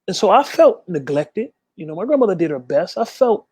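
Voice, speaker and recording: Quick emphatic man telling his story. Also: high-pitched, big pitch swings, a little mellow, husky, dry recording. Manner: quick, emphatic, acts out quoted voices. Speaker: interview guest, gospel artist. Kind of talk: candid storytelling.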